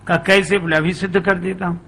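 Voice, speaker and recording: A man's voice: high voice, level tone, fast, a bit bright, a little hiss or hum. A man preaching a humorous storytelling sermon, acting out the dialogue of the characters as he goes. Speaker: religious preacher. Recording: echoey hall with faint ambience.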